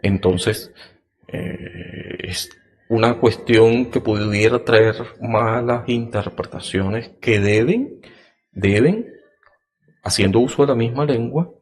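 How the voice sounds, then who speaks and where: A man hosting a podcast, explaining a topic slowly and deliberately, with many fillers and restarts. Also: darkish tone. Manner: acts out example phrases in a raised, sing-song pitch. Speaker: podcast host.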